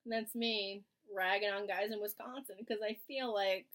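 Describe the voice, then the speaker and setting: A woman's voice: mid-range voice, fairly even intonation, moderate pace, a bit bright. A young woman co-hosting a podcast, talking bluntly with lots of fillers and swearing. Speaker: podcast co-host. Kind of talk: casual chat.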